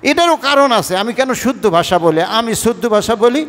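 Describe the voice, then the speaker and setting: Speaking at a quick pace in a very high, slightly bright voice with lively intonation, a man preaches a Friday sermon in a big-sounding room. He is an imam from Bangladesh's Barishal-Patuakhali region whose Bengali carries a Barishal accent, and he talks conversationally, mixing everyday and formal language while constantly questioning the congregation.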